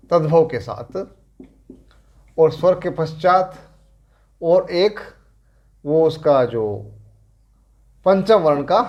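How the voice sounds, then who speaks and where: A middle-aged man with a Rajasthani accent, giving a grammar lecture as a teacher, explaining slowly and deliberately and correcting himself as he goes. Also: fairly high pitch, darkish tone, lo-fi sound. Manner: slow, deliberate explaining with pauses and self-corrections.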